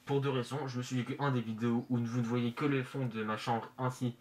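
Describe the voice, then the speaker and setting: A man presenting casually in a halting, hesitant way, his voice slightly muffled through a face mask in a bedroom. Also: medium pitch, level tone. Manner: hesitant, halting, searching for words. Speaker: manga review vlogger. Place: bedroom, indoors. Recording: noisy amateur room recording.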